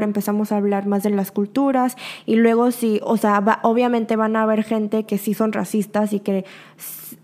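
A young woman with a Mexican accent, hosting a podcast and chatting casually in reply to a listener's voice message. She talks in an animated way, acts out quoted lines and laughs often. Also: a little high. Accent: Mexican Spanish. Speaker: podcast host.

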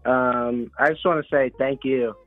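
Caller, young man on speakerphone, halting and polite, thin phone-line sound. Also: mid-range voice, fairly even intonation, faint music behind. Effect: on speakerphone over a phone line. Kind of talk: casual chat. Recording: tinny dry phone line.

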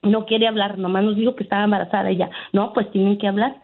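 A woman's voice: mid-range voice, level tone, fast talker. Woman calling in on a tinny phone line. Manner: chatty, keeps saying "¿verdad?". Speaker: radio caller. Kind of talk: phone-in storytelling. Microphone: telephone.

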